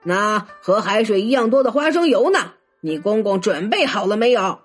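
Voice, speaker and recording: A woman's voice: medium pitch, very animated, normal speed, breathy edge, soft background music. A woman voicing an angry, pompous male prefect who scolds and blusters. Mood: indignant.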